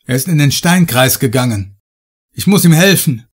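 A man voicing a frightened construction site boss who shouts in a shaky, urgent voice. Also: mid-range voice, lively intonation, normal speed, breathy edge.

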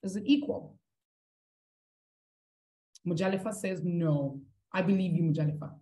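Casting: woman as an online maths teacher, warm low voice, encouraging. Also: a little slow. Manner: encouraging, talks to students through the chat. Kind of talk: live online maths lesson.

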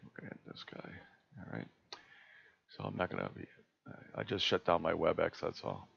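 A man presenting a live screen-share tutorial on a video call, talking in a relaxed, halting way with many fillers and restarts. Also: sits low, vocal fry, husky. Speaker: astronomy club presenter. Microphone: computer mic on a video call. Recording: dull lo-fi video call audio.

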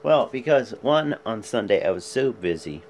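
A man in his thirties talks casually as a vlog host. His pitch is on the low side but moves around a lot. It's recorded on a phone in a small room, with clear noise. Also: sing-song, normal speed, a little mellow. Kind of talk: casual chat to camera. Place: small bedroom at home. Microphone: phone at arm's length.

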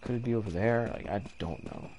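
His lowish voice moves briskly as the young man comments on his gameplay in a let's play. Frustrated, he rambles and curses throughout, over noticeable background noise.

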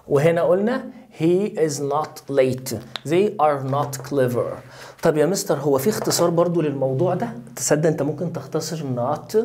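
A woman with an Egyptian accent teaches basic English grammar to young learners. Her voice sits low yet swoops up and down with animated emphasis. She plays both sides, firing questions and answering them herself. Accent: Egyptian Arabic. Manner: playful, asks and answers her own questions. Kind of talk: grammar lesson for children.

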